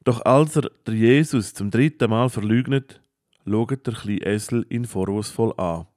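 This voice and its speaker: A man narrating a children's Bible story in a calm, plain storytelling manner. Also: on the low side, unhurried, no echo, clean studio sound.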